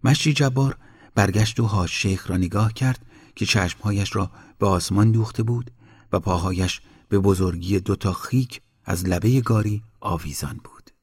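A man narrating a story in a measured, steady reading. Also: on the low side, husky.

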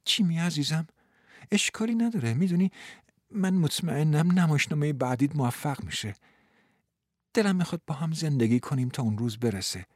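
A man voicing a young woman, a loving and eager fiancée, in a high, soft and affectionate manner for an audiobook. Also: expressive, dry recording, clean studio sound. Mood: tender. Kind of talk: audiobook reading.

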